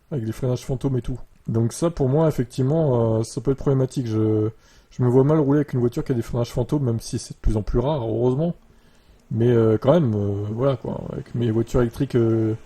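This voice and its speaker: A man's voice: mid-range voice, slightly rough. A man chatting casually on camera, reading bits of an article and reacting to them with lots of fillers, recorded on a USB desktop microphone that makes his voice sound muffled. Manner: relaxed, many fillers, reads article lines then reacts. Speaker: YouTuber commenting on electric cars. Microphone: USB desktop mic. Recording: dark muffled mic sound.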